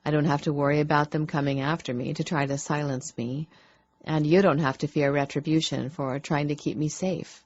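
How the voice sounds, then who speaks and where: Gentle steady man, read by a woman, low and slow, dull lo-fi sound. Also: dry recording. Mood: reassuring.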